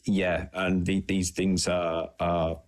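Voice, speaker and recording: Deep-voiced man, halting speech. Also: level tone. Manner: halting, many ums and restarts. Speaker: podcast co-host. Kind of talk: casual panel chat.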